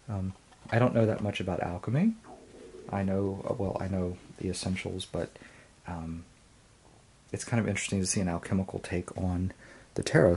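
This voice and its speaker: A man's voice: low voice, a little mellow, slight background noise. A man casually reviewing and unboxing a tarot deck, hesitant, with frequent ums and restarts.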